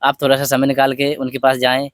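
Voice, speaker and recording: A man talking softly and from the heart in a personal vlog, telling a story at an unhurried pace. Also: mid-range voice, monotone, no echo, studio quality. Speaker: vlogger. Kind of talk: personal reflective talk.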